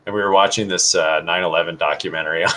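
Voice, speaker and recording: A man co-hosting a casual live talk show, chatting in a relaxed, rambling way with lots of fillers. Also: low-pitched, fast talker, poor audio. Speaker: podcast co-host. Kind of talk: casual chat. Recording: faint background noise.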